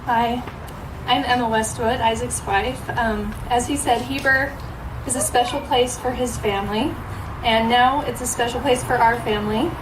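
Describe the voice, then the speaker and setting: A woman's voice: a little high, fairly even intonation, moderate pace. A woman gives a short informal speech to a gathering. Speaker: donor speaker. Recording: echoey, noisy, distant microphone.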